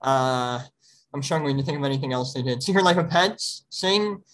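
A man's voice: mid-range voice, moderate pace, fairly bright tone, a little hiss or hum, rough recording. A young man hosting a casual podcast, upbeat and chatty with lots of fillers and laughter. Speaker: podcast host.

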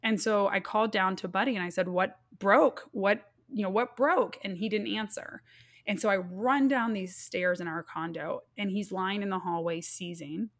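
A woman in her thirties, a guest speaking earnestly and haltingly as she recounts a personal loss. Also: mid-range voice, fairly bright tone. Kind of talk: emotional personal storytelling.

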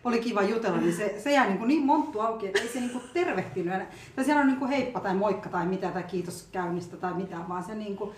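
A woman in her thirties with a mid-pitched voice tells a story in casual chat, rambling along with plenty of fillers. Her voice echoes in the room. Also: expressive, hardly any pauses, a little hiss or hum.

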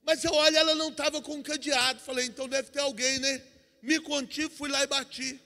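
A man preaching a testimony sermon in a church, moving between hushed storytelling and shouted preaching. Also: very high-pitched, level tone, a little fast. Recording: church hall reverb.

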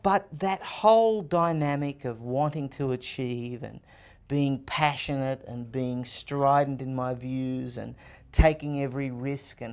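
His voice is smooth, medium in pitch, and a little mellow. The speaker, a confident Australian man in his thirties, is a podcast guest giving emphatic answers in list-like, rhetorical phrases.

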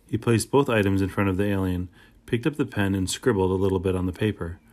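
Man with a lowish voice narrating a children's book. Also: fast talker. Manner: steady, plain storytelling, first-person. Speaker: audiobook narrator.

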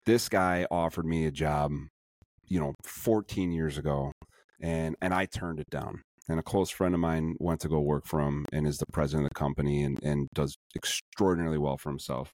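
A man's voice: very deep voice, fairly even intonation, a little fast, a little mellow, no echo. A middle-aged man with a Chicago accent hosting a casual podcast, rambling and enthusiastic, full of fillers and restarts. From suburban Chicago. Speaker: podcast host.

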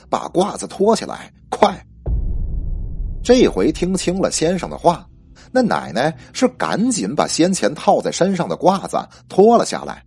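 A man narrating a ghost story with lively spoken storytelling and a husky voice. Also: on the high side.

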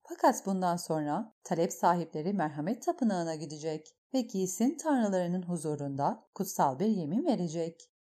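A commanding young queen, as a woman reads her in an audiobook, impatient and firm. The voice is mellow and fairly low. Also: very animated, normal speed, hardly any pauses. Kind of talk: audiobook reading.

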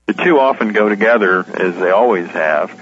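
Speaking at normal speed in an expressive voice that is on the low side and a bit bright, a shortwave radio guide's publisher and editor is interviewed on radio. He explains things conversationally with informal asides, and the dull, lo-fi line has no echo.

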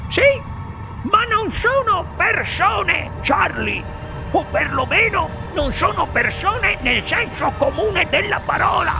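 A wildly excitable old grandfather who squeaks up into a very high, gravelly register. He drags his words out slowly and bursts into exclamations as if sharing a grand secret. Soft music hums beneath the storybook reading. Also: exaggerated voice. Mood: conspiratorial. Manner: dramatic, exclaiming, drawn-out emphasis. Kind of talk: audiobook character voice.

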